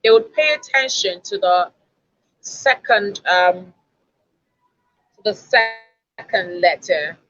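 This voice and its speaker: A woman's voice: mid-range voice, animated, takes it slowly, pauses often, fairly bright tone, lo-fi sound. A woman, a communication expert explaining and demonstrating word sounds in an online lesson over a video call. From Africa.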